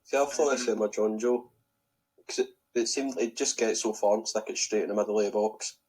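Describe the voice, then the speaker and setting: A man's voice: fairly low pitch, steady tone, a little fast, a little mellow. A man co-hosting a casual podcast, dry and sarcastic, and he swears. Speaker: podcast co-host. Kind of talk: casual chat.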